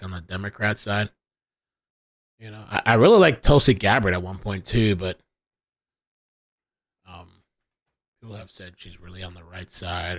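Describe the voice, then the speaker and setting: A man's voice: on the low side, no room sound, studio quality. A man hosting a casual live stream, thinking aloud with lots of restarts and reading viewer chat. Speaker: livestream host.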